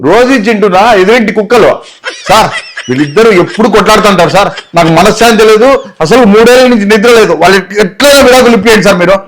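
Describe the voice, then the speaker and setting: Guy playing a fed-up neighbor, complains in a rush, highish voice. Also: rapid-fire, fairly bright tone, low-quality recording. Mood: complaining. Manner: complaining, exasperated. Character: sleepless complaining male neighbor.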